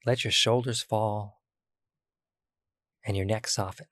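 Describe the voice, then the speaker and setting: A man guiding a body-scan meditation, speaking slowly and soothingly with long pauses. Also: on the low side, steady tone, fairly bright tone, no echo, studio quality. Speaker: meditation guide.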